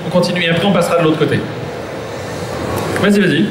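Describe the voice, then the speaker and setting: Fast, high-voiced male moderator. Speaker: panel moderator. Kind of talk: informal stage moderating. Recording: noisy, echoey hall.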